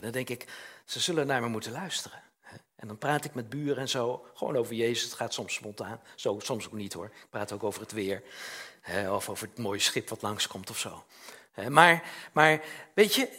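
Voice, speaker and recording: A man's voice: medium pitch, animated, moderate pace, pushed and bright, husky. An older man preaching a chatty, informal sermon, often tagging questions onto his sentences and acting out little scenes.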